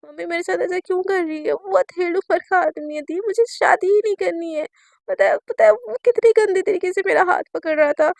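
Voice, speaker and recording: A woman's voice: very high voice, fairly even intonation, moderate pace, creaky, dark tone, no echo. A woman voicing a distressed young woman teacher, pleading with a breaking voice.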